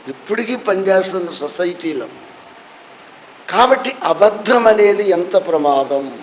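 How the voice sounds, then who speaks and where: A man's voice: sits high, slight background noise, low-quality recording. A man in his sixties, a pastor, preaching a sermon that he tells as a story and acts out with voiced quotes. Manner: animated storytelling with acted quotes. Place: church hall.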